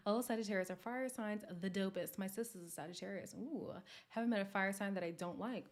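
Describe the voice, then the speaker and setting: Hosting a casual livestream, a woman from Montreal, Canada, answers her viewers' comments candidly and laughs often. Her voice is medium in pitch and fairly quick.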